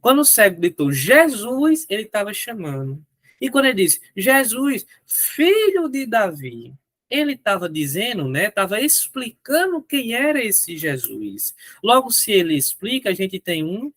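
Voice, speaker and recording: Male teacher, Brazilian accent, animated, answers his own questions, throat a bit strained, higher voice. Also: moderate pace, no room sound. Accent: Brazilian Portuguese. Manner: animated, asks questions and answers them himself. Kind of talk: online grammar lesson.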